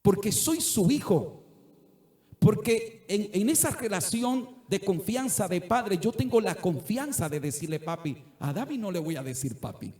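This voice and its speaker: A man's voice: high-pitched, lively intonation, measured pace, mellow. A middle-aged male pastor preaching a sermon earnestly, at times rising to fervent exhortation. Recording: echoey church room.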